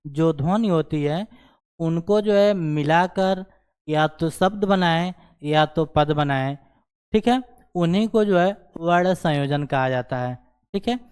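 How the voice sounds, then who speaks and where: A male teacher walks through a grammar lesson at an unhurried, deliberate pace. His voice is smooth and clear, and he keeps checking in with the listener after each small step. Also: on the high side, darkish tone. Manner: repeats "ठीक है ना" as a check-in filler. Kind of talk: slow explanatory grammar lesson.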